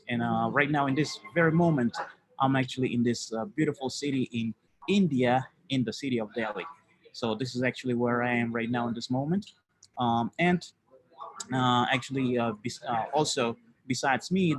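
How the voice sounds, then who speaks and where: A man's voice: mid-range voice, low-quality recording. A man from Haiti hosting an online business webinar, talking loosely with many fillers over a computer mic. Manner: loose and chatty, many fillers like "you know". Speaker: webinar presenter. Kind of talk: live webinar presentation.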